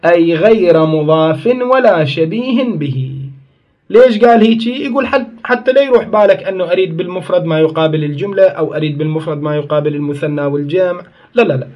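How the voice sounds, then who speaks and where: A man's voice: high voice, steady tone, rapid-fire, highs cut off. A man teaches a grammar lesson. He explains each point step by step, asks questions and answers them himself, and stops to correct his own slips. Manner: corrects himself mid-sentence.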